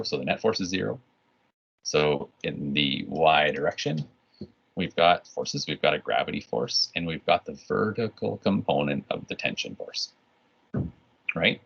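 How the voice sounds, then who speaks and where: A man's voice: rumbling low, creaky, fairly bright tone, husky. A man teaching an online physics lesson in a casual, rambling way, full of restarts and "right?" checks. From Canada. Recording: dull lo-fi recording.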